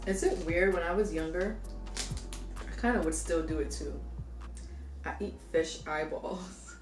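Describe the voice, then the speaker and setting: A woman's voice: fairly low pitch, measured pace, roomy sound, far from the mic, music in the background. A young woman talking casually to her viewers as she eats through a meal, chatting between bites. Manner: chatty, eating while talking, addresses viewers as y'all. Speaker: food vlogger. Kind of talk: casual mukbang chat to camera.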